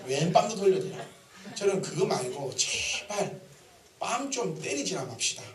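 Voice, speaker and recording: Male preacher, joking and expressive sermon delivery; high pitch, roomy church sound. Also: distant mic. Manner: animated, joking, acts out dialogue. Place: church sanctuary. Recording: echoey church hall.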